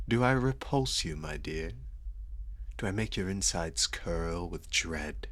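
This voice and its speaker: A man's voice: low voice, sharp tone, dry recording, full character voice. A man playing a seductive, sadistic vampire lord in an intimate ASMR roleplay, suave and formally polite with a teasing menace. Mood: teasing, sinister. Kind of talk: ASMR roleplay, slow intimate dramatic delivery.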